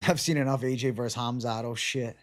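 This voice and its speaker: In a mid-range voice with fairly even intonation, a man in his twenties talks fast while hosting a livestream. He reads viewer comments and responds casually, using sweary, slangy bro-talk. The audio is dry and studio quality.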